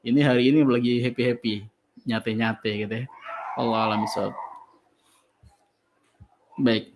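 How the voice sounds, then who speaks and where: A man, an ustaz giving a religious lecture to an online study group and answering listeners' questions in an animated storytelling way. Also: medium pitch, normal speed, background noise.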